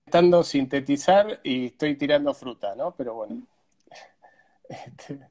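A man's voice: medium pitch, unhurried, dark tone. A man in his forties with an Argentine accent, a filmmaker being interviewed on a live stream, speaking hesitantly with many fillers while his internet audio glitches and cuts out. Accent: Argentine Spanish. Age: 40s. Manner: hesitant, full of fillers and restarts. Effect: glitching, cutting-out internet audio. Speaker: filmmaker guest.

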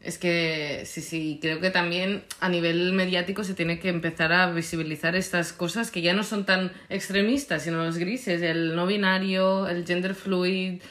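A young woman with a Spain Spanish accent, chatting in an animated way and peppering her talk with English slang. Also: lowish voice, normal speed, few pauses, echoey room. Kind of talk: casual chat.

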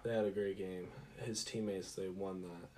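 A young man telling an absurd story in a deadpan, halting way, with many restarts. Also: sits low.

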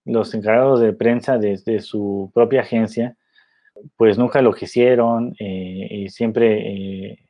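The voice is on the low side, steady in tone and slow in pace, belonging to a film commentator chatting casually about movies. He rambles, dropping in lots of fillers and tag questions. The sound is dull and lo-fi.

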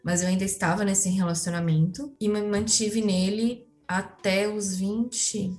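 A young woman with a Brazilian Portuguese accent, speaking at an ordinary middle pitch. She talks candidly and casually, dropping fillers and turning to address her listeners. Faint music plays softly behind her. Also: fairly even intonation, measured pace. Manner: candid, chatty, full of fillers and asides to the listeners. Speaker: interview guest. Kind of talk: casual personal storytelling.

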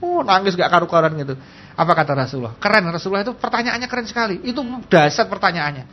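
A man's voice: high-pitched, fast talker, muffled recording. A man with a Javanese accent, a religious teacher giving a humorous talk on radio, telling stories and joking with listeners. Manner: lively storyteller, acts out quotes, jokes with the audience.

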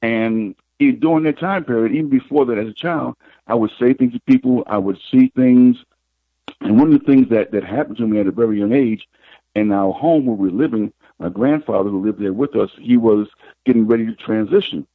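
A middle-aged man, a psychic guest, telling his life story in an interview in an unhurried, reflective way. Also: medium pitch, dry recording. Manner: unhurried, reflective, retells scenes with quoted dialogue. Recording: tinny phone line.

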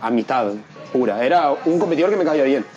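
A man's voice: fast talker, muffled recording, faint music behind. A young man, telling a story as an interview guest and acting out the people he quotes. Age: young adult. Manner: animated, acts out quoted voices in a higher pitch. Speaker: guest, freestyle rapper.

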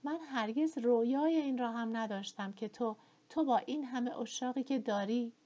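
Woman voicing a gentle, evasive young gentleman. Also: fairly high pitch, muffled recording, pitched above the performer's own voice, natural voice. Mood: earnest.

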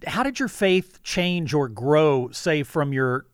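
A man hosting a faith-based radio program, reading measured introductions and asking interview questions. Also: on the high side, lively intonation, clean tone, no room sound, studio quality. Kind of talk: scripted radio host narration and interview.

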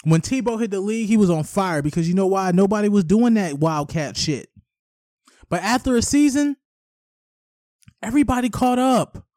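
A man hosting his own podcast rants on his own, cursing freely and stumbling over a word now and then. His voice sits high for a man. The sound is dry, with no room echo. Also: expressive, normal speed, a little mellow. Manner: profane, rambling, stumbles over words. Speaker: podcast host. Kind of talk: solo podcast rant.

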